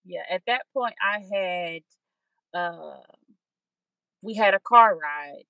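Bright, candid young woman, dry sound. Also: on the low side, expressive, slow pace, dry recording, rough recording. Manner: open, reflective, acts out her own inner voice. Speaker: podcast guest. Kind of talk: candid conversational storytelling.

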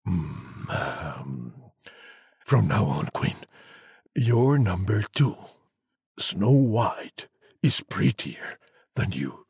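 A storyteller voicing a magic talking mirror that speaks low, slowly and hesitantly. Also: big pitch swings, gravelly, darkish tone, breathy edge, no echo, clean studio sound, heavily acted. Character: magic talking mirror, flattering then blunt.

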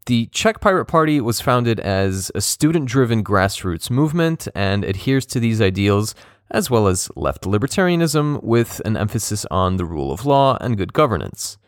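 Lively low-voiced podcast host, a man. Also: normal speed, no echo, studio quality. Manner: conversational, lightly joking. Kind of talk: scripted podcast narration.

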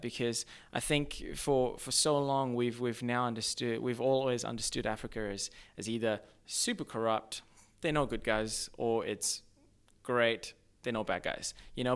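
A young man from Zimbabwe raised in Australia, chatting as a guest in a thoughtful, halting way. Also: mid-range voice, fairly bright tone, clean tone. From born in Zimbabwe, raised in Australia. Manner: thoughtful, halting, many restarts. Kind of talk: casual podcast chat.

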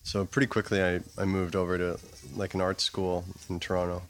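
A man, a bass player guest, telling his story in a measured way in a restaurant. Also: flat delivery. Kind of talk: casual interview chat.

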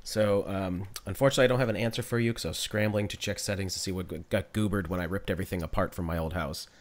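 A man's voice: low-pitched, steady tone, quick pace. An American man chatting casually as the co-host of a live stream. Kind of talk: casual chat.

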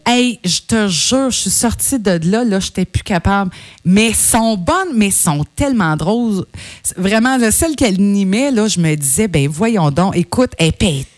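A woman with a strong colloquial way of talking and a Quebec French accent, at a medium pitch. She gushes through casual on-air chat like a radio co-host. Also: lively intonation, normal speed. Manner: gushing, very colloquial.

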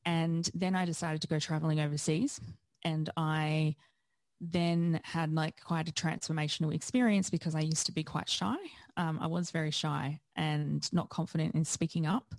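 Low-voiced woman, dry sound. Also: flat delivery, moderate pace, darkish tone, no echo. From South Australia. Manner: candid, chatty and self-deprecating. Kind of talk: casual conversation.

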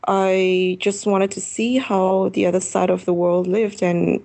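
A woman in her thirties from Malaysia, a travel author answering interview questions from her apartment and pausing often with fillers. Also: medium pitch, level tone, creaky, warm tone. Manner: hesitant, many pauses and fillers.

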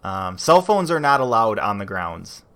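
A man co-hosting a podcast in casual chat, relaxed and rambling, with frequent fillers and restarts. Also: lowish voice, moderate pace. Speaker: podcast co-host.

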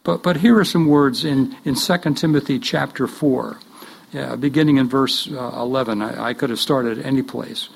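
In a roughly recorded workshop, a man instructs pastors in a conversational, earnest style, often restarting and tossing in joking asides. His medium-pitched voice is creaky and slightly rough, moving at a moderate pace.

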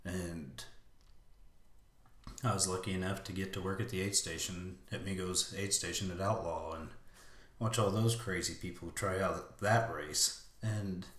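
A man hosting a casual chat, telling his own marathon story in a lively way and shouting when he reenacts his self-talk. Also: sits low. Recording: roomy echo.

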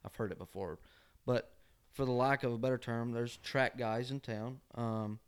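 A man with a Georgia drawl and a nasal twang talks in a casual interview. His voice is smooth and clear, at an ordinary male pitch. He is folksy and often tags his phrases with "man". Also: fairly even intonation, normal speed. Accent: Southern US, Georgia. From Georgia, USA. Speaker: country singer-songwriter guest.

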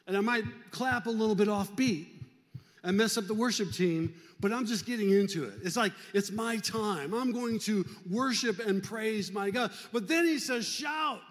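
A male pastor preaching a fervent sermon in a church, urging the congregation to clap and shout. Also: high-pitched, moderate pace, in a large hall. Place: church sanctuary.

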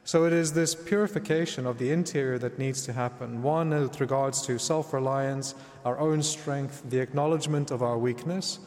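A man's voice: medium pitch, darkish tone. Man preaching in a long cathedral echo. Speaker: priest. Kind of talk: Gospel reading and homily. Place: large reverberant church indoors. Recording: long cathedral-like echo, reverberant church hall.

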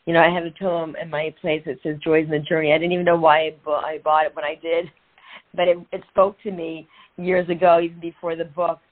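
An earnest middle-aged woman, an author and transformational coach, shares a candid personal story in a podcast interview. Her low-pitched, flat voice comes in short, reflective phrases broken by pauses. A thin, phone-like line strips away its fullness.

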